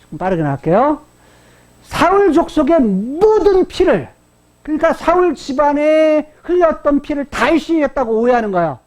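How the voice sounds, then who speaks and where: Woman pastor preaching, kinda high voice that jumps all over, keeps asking the church questions and repeating lines. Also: sing-song, normal speed, a little mellow. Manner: asks the congregation questions and repeats key phrases; dramatic voicing of quoted insults. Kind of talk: Sunday sermon.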